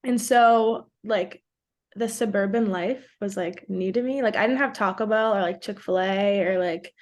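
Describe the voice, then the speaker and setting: Here a New York woman in her twenties whose first language is Portuguese chats as a guest on a podcast, filling her speech with "like." Her voice sits at a medium pitch and moves at a normal speed.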